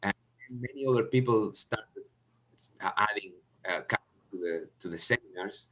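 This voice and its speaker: A man from Chile hosts an online seminar in a halting manner, with audio cutting out and uneven volume on a close headset mic. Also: lowish voice, bright, forceful tone, low-quality recording. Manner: halting, restarts words often. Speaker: seminar host. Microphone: headset mic close to the mouth.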